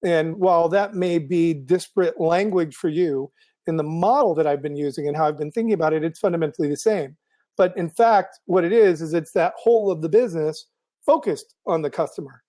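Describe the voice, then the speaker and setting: A man's voice: a little high, a little fast, warm tone. Man monologuing with a fading voice. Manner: thinking aloud with many ums and restarts. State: losing his voice. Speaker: host of a live video show. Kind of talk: casual monologue.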